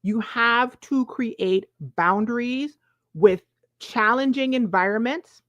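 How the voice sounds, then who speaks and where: A woman's voice: fairly high pitch, slow, fairly bright tone, no echo, lo-fi sound. A woman in her forties with a Virgin Islands accent, giving an emphatic, conversational motivational talk to viewers, often checking in with short questions. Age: 40s. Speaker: self-help coach.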